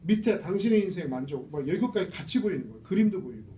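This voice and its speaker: High-voiced man lecturing a small class. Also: big pitch swings, fast, dark tone. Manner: chatty, asks the class rhetorical questions. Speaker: reading lecturer. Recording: roomy, distant mic with faint noise.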